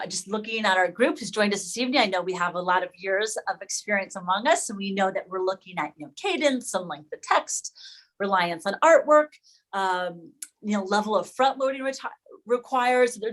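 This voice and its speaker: Her medium-pitched voice is animated and a bit bright, moving at a normal speed as she presents informally to colleagues on a video call. She reasons aloud with fellow educators and often stops to correct herself.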